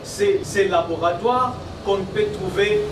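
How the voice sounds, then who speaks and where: A man's voice: high voice, unhurried. A man introducing a report, speaking formally and addressing the audience directly. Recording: echoey and distant, with clear background noise.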